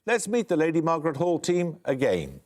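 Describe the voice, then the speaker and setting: Lively high-pitched quizmaster, dry wit. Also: male voice, brisk. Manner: dry, wry scripted introductions. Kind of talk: quiz show hosting, reading questions.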